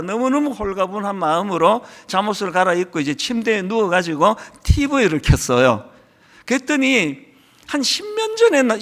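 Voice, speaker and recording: A middle-aged man preaches to his congregation, his voice high and lively as he retells a story and acts out lines with swelling feeling. The sound rings with long reverb from a large church hall. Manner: storytelling, acting out film lines with rising emotion. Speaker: pastor. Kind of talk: sermon.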